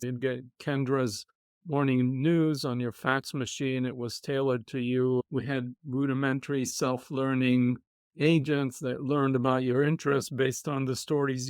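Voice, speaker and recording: A middle-aged man, a podcast guest telling his life story in a reflective, measured way. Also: medium pitch, clean tone, no echo, studio quality. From Israel. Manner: reflective, measured, with soft laughs. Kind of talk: conversational storytelling.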